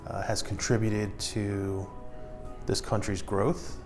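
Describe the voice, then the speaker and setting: Man, 30s, from the US, program director; low, flat, earnest delivery with ums, music clearly underneath. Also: slow. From United States. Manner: earnest, many fillers. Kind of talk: interview testimonial. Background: clear background music.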